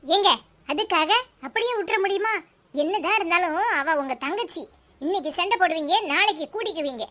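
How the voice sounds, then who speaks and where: A woman's voice: very high-pitched, brisk, a bit bright. A woman with a Tirunelveli Tamil accent voicing a worried young wife in a cartoon, urging her husband. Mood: pleading. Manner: pleading, urging.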